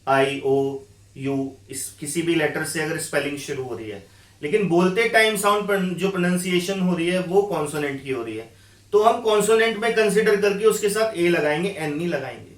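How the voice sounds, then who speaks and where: Patient man teaching English grammar. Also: a little high. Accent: Indian English. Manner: patient, repeats points, addresses students as beta. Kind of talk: classroom explanation. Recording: echoey room, heard from a distance.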